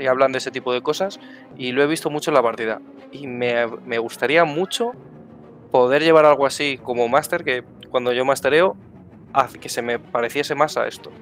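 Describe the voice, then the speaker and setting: Male player, casual effusive feedback, mid-pitched. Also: a bit bright. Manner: effusive, repeats words for emphasis. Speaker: tabletop game player giving feedback. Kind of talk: casual post-game feedback chat.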